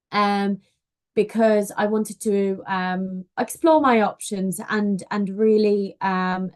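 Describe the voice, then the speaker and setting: A woman from Poland presents a university webinar over a video call. She talks in a friendly, easygoing way and fills her pauses with frequent "um"s. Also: mid-range voice, a little mellow. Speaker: university outreach officer.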